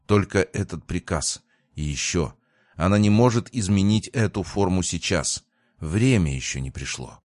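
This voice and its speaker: A man reading the lines of a tired, solemn young woman guardian in an audiobook, in a quiet, strained voice. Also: low-pitched, animated, moderate pace, no echo, studio quality. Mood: weary.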